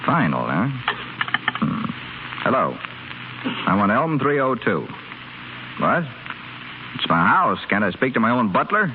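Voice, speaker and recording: Very animated yet unhurried, with frequent pauses, a medium-pitched actor voices a spoiled young rich man restless in hospital. The mood is flippant and wisecracking, sardonic in the manner of 1930s radio drama, heard through a tinny, slightly hissy broadcast.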